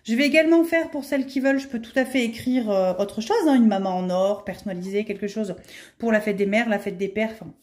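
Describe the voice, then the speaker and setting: Chatty woman with a mellow voice. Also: medium pitch, fast talker. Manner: enthusiastic, many fillers and repeats. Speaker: vlogger showing handmade products. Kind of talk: casual chat to camera.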